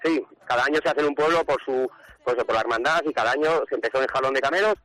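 Halting Riojan mayor on the radio. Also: male voice, medium pitch, a bit bright, poor audio. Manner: halting, many restarts and repeated words. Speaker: village mayor, interview guest. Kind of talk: phone interview on radio.

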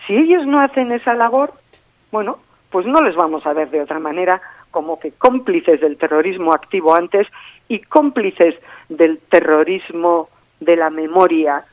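This woman, a victims' group spokesperson, calls into a radio interview and talks at a moderate pace in a lowish voice. Her delivery is earnest and emphatic, and she keeps repeating key phrases. The recording is dry, captured through a telephone on a tinny line.

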